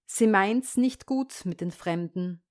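A sad, worried young girl from a fairy tale, voiced by a woman reading aloud. She speaks slowly and sorrowfully, close to the reader's own voice. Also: medium pitch, lightly acted. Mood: sad warning. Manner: sad, warning softly. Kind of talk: storybook reading.

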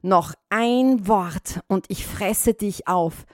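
A woman's voice: mid-range voice, takes it slowly, vocal fry, no echo, studio quality. A woman voicing a sly, greedy female cat in a storybook reading, with a smug, honeyed manner.

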